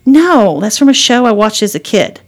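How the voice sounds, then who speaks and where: A woman's voice: on the high side, sing-song, normal speed, pitched above the performer's own voice. A woman voicing a teasing mother in a read-aloud story, with dry, sarcastic humor. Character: wry, teasing mother driving her daughter.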